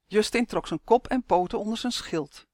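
Woman narrator, children's storybook, expressive, dry close sound. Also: mid-range voice, moderate pace, no echo. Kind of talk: storybook reading.

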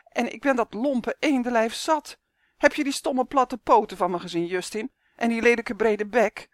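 A woman's voice: medium pitch, no echo, clean studio sound, close to an everyday voice. A woman voicing a homesick male elf trapped in a duck's body, whining and buzzing his complaints. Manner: whiny, sulky, buzzing complaints. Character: grumpy homesick male elf stuck as a duck.

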